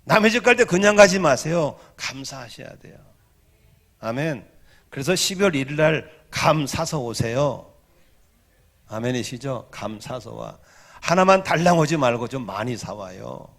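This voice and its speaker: A man in his sixties preaching a Sunday sermon, leading the congregation in call-and-response and swinging from hushed asides to loud exhortation. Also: mid-range voice, lively intonation, measured pace, gravelly. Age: 60s. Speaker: pastor. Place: church sanctuary.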